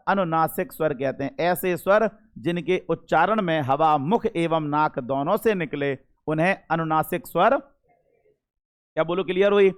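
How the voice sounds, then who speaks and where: A man teaching a grammar lesson to a class. He sounds out vowels himself, repeats the key terms and keeps asking questions to check they follow. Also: high voice. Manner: calls students "beta", demonstrates sounds aloud.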